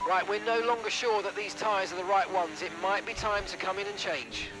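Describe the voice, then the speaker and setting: An actor voicing a race engineer in a racing game, giving brief, clipped instructions over pit radio. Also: male voice, high voice, a little fast, close to an everyday voice. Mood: businesslike. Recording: loud car engine noise behind.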